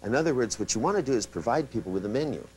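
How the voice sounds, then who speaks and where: Male seminar trainer, mid-pitched and very animated, mixing loose asides with acted-out quotes. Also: very fast, slight background noise, poor audio. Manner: animated storyteller who acts out quotes; many restarts and asides. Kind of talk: live seminar lecture.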